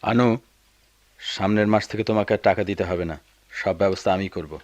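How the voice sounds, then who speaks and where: একজন পুরুষ অভিনেতা ক্লান্ত, অভিমানী মধ্যবয়সী বাবার চরিত্রে, নব্বইয়ের দশকের বেতার নাটকের ঢঙে।. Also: male voice, low voice, fairly even intonation, moderate pace, darkish tone, lightly acted. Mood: hurt. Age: middle-aged. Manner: weary, resentful, sometimes raising his voice. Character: weary middle-aged father, bitter and proud. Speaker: father of grown children. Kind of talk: 1990s radio drama acting.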